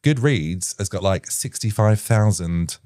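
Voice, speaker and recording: A man's voice: lowish voice, lively intonation, unhurried, a little mellow, dry recording. Chatty man in his forties, dry mic. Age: 40s. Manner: chatty, jokey, laughs often. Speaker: podcast host. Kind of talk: casual chat.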